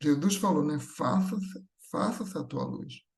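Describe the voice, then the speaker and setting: Slightly high and a little mellow, with vocal fry and a somewhat slow pace, this man's Brazilian-accented voice leads a conversational spiritual talk at a Spiritist gathering. His teaching repeats phrases and uses rhetorical questions and check-in tags.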